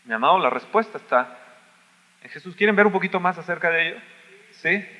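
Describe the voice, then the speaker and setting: A man preaching a sermon as pastor, swinging between loud cries and soft asides. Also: sits high, expressive, fairly quick, long reverb tail, lo-fi sound. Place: church sanctuary.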